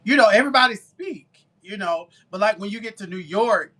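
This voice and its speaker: A man's voice: high voice, expressive, fairly quick. A man from Alabama with a Southern accent, chatting casually with viewers on a live baking stream. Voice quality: talkative, warm down-home manner. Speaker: baker and live-stream seller.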